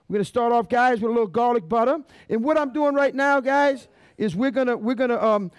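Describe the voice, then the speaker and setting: A man's voice: extremely high pitch, clean tone, dry recording. A middle-aged cooking show host. He demonstrates like a folksy showman, chatting to the crowd with catchphrases. The sound is close and dry from a headset mic. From Louisiana. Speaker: chef hosting a live cooking show. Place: restaurant dining room stage, indoors.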